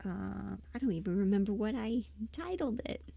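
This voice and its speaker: Slight background noise accompanies a woman of medium pitch whose expressive, dark-toned voice has vocal fry and a normal speed. As a livestream host and audio performer, she chats casually while working, muttering half to herself and trailing off.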